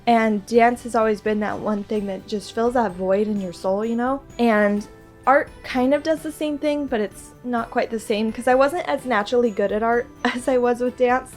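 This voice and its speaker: Her voice a little high, darkish, and thick with a cold's congestion, a vlogger casually chats and gushes girlishly as she shows gifts to viewers.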